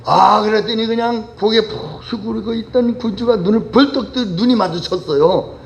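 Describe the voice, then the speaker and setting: A male pastor preaching a Sunday sermon, telling parables with lively storytelling. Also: high-pitched, moderate pace, gravelly. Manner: animated storytelling with vivid voice changes.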